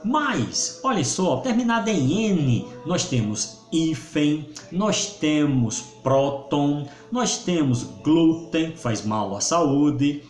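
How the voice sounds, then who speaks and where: A male teacher explains grammar slowly and clearly. He often draws out syllables for emphasis, and his pitch moves up and down a lot. The room around him has a noticeable echo. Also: expressive, faint music behind. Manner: didactic, stretches syllables for emphasis. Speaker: Portuguese teacher. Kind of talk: video grammar lesson. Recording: roomy echo.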